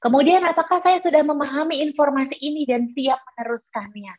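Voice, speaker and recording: Speaking high-pitched and a little fast, this woman trains teachers in a workshop, explaining as she goes. She leans on fillers such as "nah" and "gitu ya" between points, and the audio is dry and dull.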